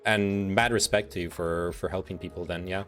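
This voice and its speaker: A man with a low, slightly bright voice and fairly even intonation livestreams at a moderate pace over soft background music. Casual and sweary, he rambles and often restarts his sentences while reading out quiz statements and reacting to them.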